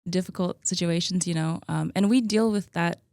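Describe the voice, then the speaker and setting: A woman's voice: on the low side, moderate pace, gravelly, dry recording, studio quality. Chatty woman in her thirties. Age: 30s. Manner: chatty, relaxed, many likes and ums. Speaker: podcast guest, gym co-owner. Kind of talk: casual conversational interview.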